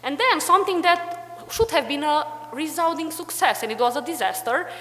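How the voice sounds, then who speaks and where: A young woman from Transylvania, Romania, gives a chatty conference talk about teaching history in a hotel conference room, packed with fillers like "like" and "you know." Her voice is high, expressive, fairly quick, and a bit bright, sounding like a large hall with slight background noise.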